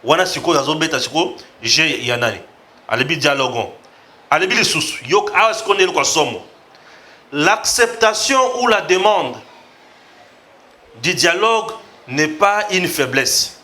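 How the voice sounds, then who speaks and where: Fairly high and bright, this host's voice is expressive but a little slow as he reads tweets on his political commentary show. He comments on them while alternating between French and Lingala.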